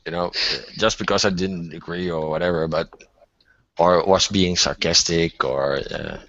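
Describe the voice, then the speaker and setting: A man's voice: low-pitched, steady tone, a little slow, a bit bright, no echo. A man in a casual online group chat, blunt and dismissive, swearing. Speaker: guest on the chat. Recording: lo-fi, dry online call audio.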